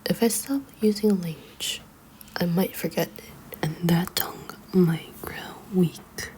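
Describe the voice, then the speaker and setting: A woman reads a children's book aloud as ASMR in a hushed, librarian-like whisper. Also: fairly low pitch, unhurried, poor audio. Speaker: ASMR reader.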